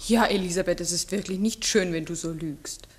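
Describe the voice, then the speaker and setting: An actress playing an earnest, strict village schoolteacher in a 1960s radio drama, with a measured, precise, slightly husky voice. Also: female voice, lowish voice. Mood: probing, gently stern. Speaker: actor and first-person narrator. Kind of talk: 1960s German radio drama acting and narration.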